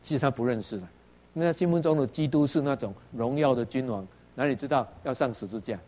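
A man's voice: medium pitch, fast, darkish tone. Taiwanese-accented man preaching, questioning listeners. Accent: Taiwanese Mandarin. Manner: tags sentences with "ha" and asks the audience questions; acts out quoted dialogue in varied voices. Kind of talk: sermon.

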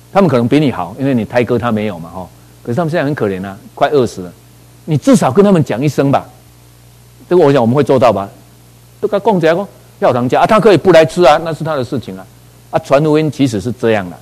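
A middle-aged man from Taiwan, a pastor preaching a sermon, telling a story with lively asides and rhetorical questions. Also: medium pitch, rough recording.

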